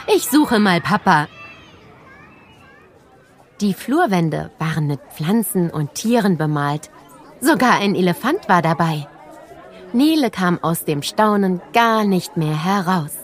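A woman narrating a children's story in a lively, expressive way. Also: fairly low pitch, unhurried, some chatter behind. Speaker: audiobook narrator.

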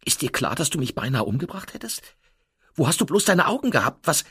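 A man voicing a stubborn young woman motorcyclist after a crash, speaking gruffly and snapping back. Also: mid-range voice, expressive, moderate pace, a bit bright, voice pushed up. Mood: furious.

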